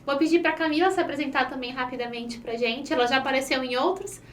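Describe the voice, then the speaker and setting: A woman's voice: sits high, quick pace, a bit bright, distant mic, a little hiss or hum. A woman in her twenties from Brazil hosting a casual podcast chat, upbeat and chatty. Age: 20s. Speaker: podcast host.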